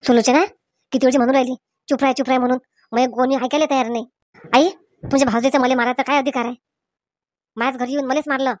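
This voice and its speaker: A woman's voice: high-pitched, steady tone, fast, pauses often, no echo, clean studio sound, natural voice. A woman playing a wronged young village wife, complaining bitterly. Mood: aggrieved. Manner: complaining, aggrieved.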